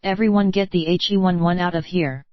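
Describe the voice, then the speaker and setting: A woman's text-to-speech voice reading the lines of a fierce, jealous noblewoman who scolds and commands, in a low voice on a dull, dry recording. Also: steady tone, normal speed, no room sound, close to an everyday voice. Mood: scolding.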